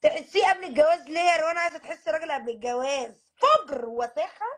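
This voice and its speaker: A woman's voice: sits high, racing, a bit bright. A woman playing a middle-aged Egyptian mother who nags and tearfully pleads with her daughter to marry. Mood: insistent nagging. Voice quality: whiny, crying-tinged pleading.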